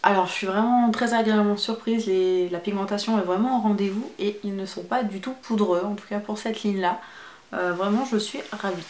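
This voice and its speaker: Female beauty vlogger, casual and enthusiastic, mid pitch, roomy echo. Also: a little fast, darkish tone. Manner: chatty, enthusiastic describing shades. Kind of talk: casual makeup review.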